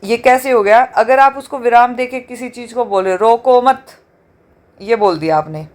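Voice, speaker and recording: A woman's voice: fairly high pitch, moderate pace. Hindi-speaking woman teaching exam revision. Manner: explains with everyday examples, keeps asking "theek hai?".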